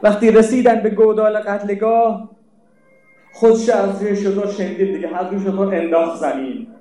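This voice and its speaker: Impassioned high-voiced preacher in an echoing hall. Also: male voice, steady tone, warm tone. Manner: impassioned, declaiming, rising to cries. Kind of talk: mourning sermon with chanted verse. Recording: very echoey hall, voice far from mic.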